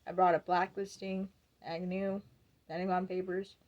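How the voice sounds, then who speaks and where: A woman's voice: on the low side, flat delivery, moderate pace, highs cut off, heavy background noise, close to an everyday voice. A woman playing a wry, outspoken ex-beauty queen. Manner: wry storytelling with acted quotes. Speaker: actor performing a monologue. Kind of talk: theatrical monologue.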